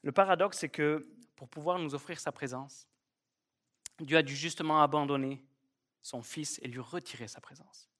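Man preaching a sermon, fairly high voice, emphatic, repeats key lines. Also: moderate pace, fairly bright tone. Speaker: pastor. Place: church service.

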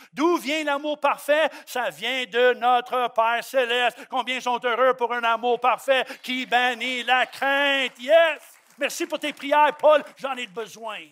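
A middle-aged man preaching a sermon as pastor, swinging from loud emphatic declarations to quiet joking asides. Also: very high-pitched.

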